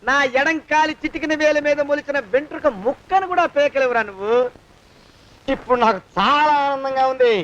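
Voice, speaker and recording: A man's voice: very high-pitched, brisk, a bit bright. An actor playing a cheeky servant who blackmails his master and keeps taunting him. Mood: gloating. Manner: needling, repeating a taunting tag. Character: cheeky scheming male servant, bold blackmailer. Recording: dull lo-fi film soundtrack.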